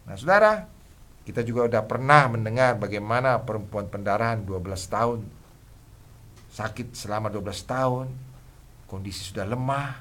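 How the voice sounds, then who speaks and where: Forceful preaching man. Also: fairly low pitch, steady tone, normal speed, slight background noise. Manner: builds to loud shouts when acting out a blind man crying; addresses the listeners again and again as brothers and sisters. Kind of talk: sermon.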